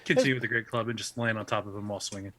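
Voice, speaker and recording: A man's voice: on the low side, fairly even intonation, very fast, over a noisy crowd. A man playing a tabletop game, joking and planning bold attacks for his character. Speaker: player.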